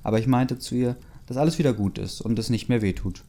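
A man's voice: mid-range voice, quick pace, dark tone. A young man casually reading a fan story aloud, breaking in with his own asides and chuckles. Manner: reads loosely, interrupts with asides and chuckles. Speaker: story reader.

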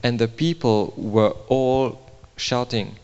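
A man gives a line-by-line English interpretation of a sermon at a middle pitch. He mirrors the preacher's rises and emphasis and makes small slips in his grammar. His voice carries a long, roomy church-hall reverb. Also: slow pace, a little mellow, clean tone, lo-fi sound.

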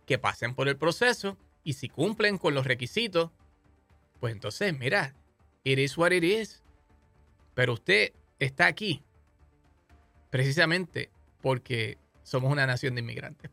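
A man's voice: a little high, creaky, pushed and bright, no echo. A man with a Puerto Rican accent hosting a podcast, delivering an impassioned, scolding political monologue. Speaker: podcast host.

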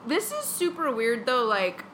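A woman's voice: fairly high pitch, wildly swooping pitch, a little slow, a bit bright, a little hiss or hum, rough recording. A woman chatting casually while watching a movie, laughing often and trailing off with "I don't know.". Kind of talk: casual chat.

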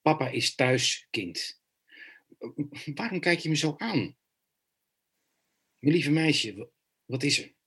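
A man's voice: fairly high pitch, expressive, slow, pauses often, fairly bright tone, breathy edge, exaggerated voice. An actor playing an anxious, defensive male teacher and father near sixty who stammers. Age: about 60. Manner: hesitant, stammering.

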